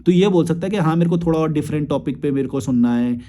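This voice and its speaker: A man's voice: on the high side, fast talker, warm tone. A young man, a YouTube creator, replying to viewer comments in a blunt, crude and combative rant with frequent swearing.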